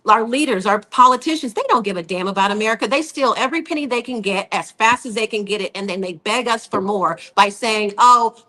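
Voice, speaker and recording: A woman's voice: medium pitch, a little fast, hardly any pauses, sharp tone. A woman co-hosting a casual political podcast, ranting bluntly with profanity.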